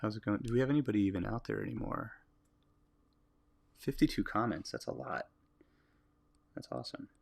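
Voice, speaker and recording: A lowish, gravelly American male voice talks casually as he works on a drawing. He muses aloud and answers viewers' comments in a relaxed, easygoing way. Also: brisk, pauses often. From United States. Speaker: artist livestreaming a drawing.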